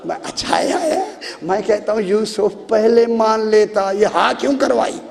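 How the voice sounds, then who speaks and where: High, gravelly-voiced emphatic preacher. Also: male voice, measured pace. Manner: emphatic, shouts and laughs, addresses audience. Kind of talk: storytelling sermon. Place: religious gathering hall. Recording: long hall reverb, faint crowd.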